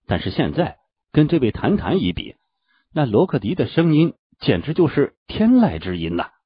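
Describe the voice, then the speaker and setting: Brief: male novel narrator, husky, very animated pitch, dull dry lo-fi. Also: no echo. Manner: animated storytelling. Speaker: audiobook narrator. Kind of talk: scripted fantasy novel narration.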